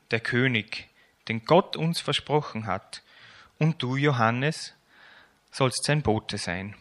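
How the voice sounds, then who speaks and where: Bright-voiced pastor reading aloud. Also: male voice, medium pitch. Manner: plain storytelling with quiet asides. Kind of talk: sermon reading from a children's Bible.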